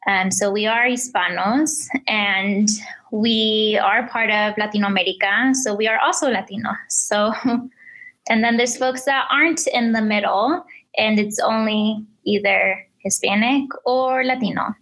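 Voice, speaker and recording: A woman in her twenties, from Mexico, a guest explaining things carefully with many pauses and fillers. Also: medium pitch, a bit bright, low-quality recording. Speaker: interview guest. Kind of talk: conversational interview.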